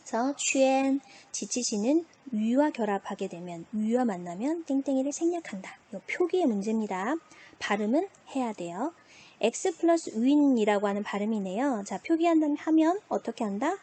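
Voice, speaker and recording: A woman teacher talks over her lesson slides in a slightly high, mellow voice with a husky edge. She asks the class a question and then answers it herself, at a patient pace. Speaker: Chinese language teacher. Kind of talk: online classroom lecture.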